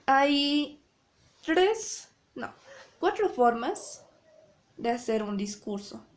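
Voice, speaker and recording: Slow, hesitant young woman presenting. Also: sits high, sing-song. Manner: hesitant, self-correcting, searching for words. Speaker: student presenter. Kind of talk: class presentation on public speaking.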